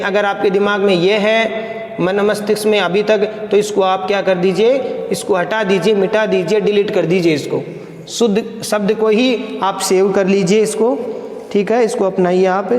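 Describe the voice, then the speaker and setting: A male lecturer with a fairly high voice talks students through a grammar lesson. He repeats each word slowly and keeps checking that the class follows. The recording rings with a long, roomy echo. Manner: patient, repeats words slowly with many check-ins. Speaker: college Hindi lecturer. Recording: echoey room with long reverb.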